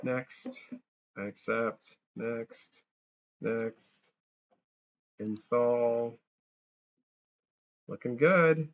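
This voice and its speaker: A man giving a casual, chatty software tutorial and thinking aloud as he clicks through each step, his audio crunchy and distorted. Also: mid-range voice, very slow, pauses often, muffled recording. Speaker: tutorial creator. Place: abroad, working on a laptop.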